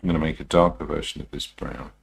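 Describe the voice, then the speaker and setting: A man talking through a live demonstration as a painting instructor, informal and unhurried, muttering his thoughts to himself as he works. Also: a bass voice, fairly even intonation, gravelly, breathy edge. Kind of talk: TV painting instructor style, musing aloud while demonstrating.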